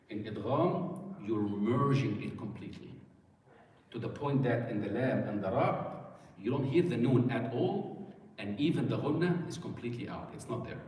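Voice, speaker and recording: A man's voice: mid-range voice, darkish tone. Male recitation teacher, methodical lesson delivery, distant mic, very roomy echo. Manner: explains step by step, recites short examples slowly. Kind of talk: classroom lesson. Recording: distant echoey hall with long reverb.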